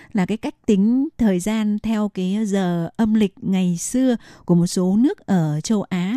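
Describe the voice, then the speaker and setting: A woman's voice: mid-range voice, mellow, no echo, studio quality. A woman hosting a radio talk show, explaining steadily with many fillers. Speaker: radio host.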